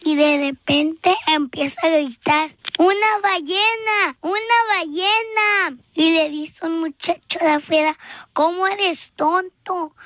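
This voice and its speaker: A man telling a joke slowly, with loud shouted punchlines, heard from off the mic. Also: very high voice, flat delivery, no echo. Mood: joking.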